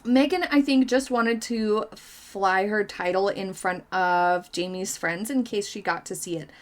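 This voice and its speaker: A woman's voice: mid-range voice, measured pace. A woman hosting a casual commentary vlog, reading out viewer comments and giving her opinions in a chatty way, with frequent hedges and fillers. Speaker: commentary channel host.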